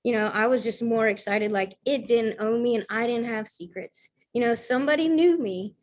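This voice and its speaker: A woman's voice: fairly high pitch, moderate pace. A woman from the American South telling her own story at a recovery meeting, chatty and self-deprecating, full of fillers and little acted-out quotes. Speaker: speaker sharing at a recovery meeting. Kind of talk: casual personal testimony.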